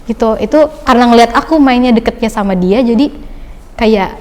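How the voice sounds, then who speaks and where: A woman's voice: a little high, fairly quick, darkish tone. Young woman telling her story in a long-reverb room. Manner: chatty, loose storytelling with many fillers. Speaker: podcast guest. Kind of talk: casual personal testimony.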